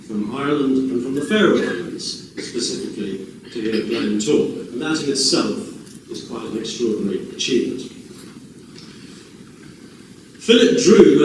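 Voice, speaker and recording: In an echoey lecture theatre, captured by a distant mic against a noisy background, a medium-pitched man introduces the evening's speaker. He rambles warmly through good-humoured anecdotes.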